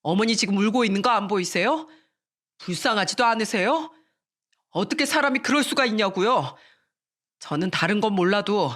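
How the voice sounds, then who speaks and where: A woman's voice: medium pitch, fairly bright tone. A woman voicing a grown eldest son who firmly reproaches his father in a radio story. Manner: pleading, reproachful, formal.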